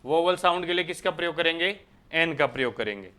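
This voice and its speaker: A man's voice: fairly high pitch, expressive, fairly quick, bright, forceful tone. A man from India teaching English grammar in a lecture, who keeps asking the class questions and answering them himself. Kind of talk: Hindi lecture explaining English articles.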